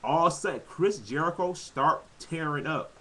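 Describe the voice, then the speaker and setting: An animated man talks through his take on a wrestling episode in a casual, off-the-cuff vlog. His voice sits a little on the high side for a man, and he keeps breaking into excited exclamations. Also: normal speed, poor audio. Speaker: wrestling fan vlogger. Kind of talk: casual commentary.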